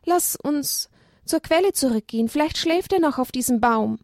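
A loyal young animal friend speaks earnestly and coaxes in a raised voice, as a woman puts it on. The character is determined and steady, in a children's storybook. The sound is dry. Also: high voice, normal speed, no echo, pitched above the performer's own voice.

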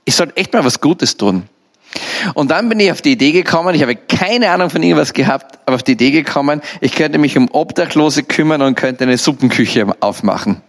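A man's voice: a little high, brisk. A man preaching through a personal story, talking to the listener directly and repeating himself for emphasis. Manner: animated, repetitive, addresses the listener directly. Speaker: lay preacher. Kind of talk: storytelling sermon.

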